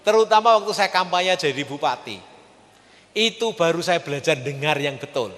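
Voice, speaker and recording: A middle-aged man giving an animated religious lecture and asking the audience questions. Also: on the high side, moderate pace. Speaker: speaker at a religious training. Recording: long hall reverb.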